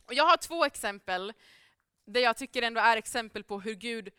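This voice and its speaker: A woman's voice: a little high, lively intonation, sharp tone, smooth, no echo. A woman giving an informal sermon to a congregation, casual and chatty, with many fillers and frequent laughs. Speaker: preacher.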